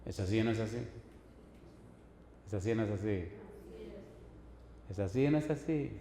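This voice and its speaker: An older man preaches a sermon, firing repeated questions at the congregation. His voice is mellow and dark at a middle pitch. It rings out through a large, echoey hall, with faint room noise behind him. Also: lively intonation, moderate pace. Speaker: pastor.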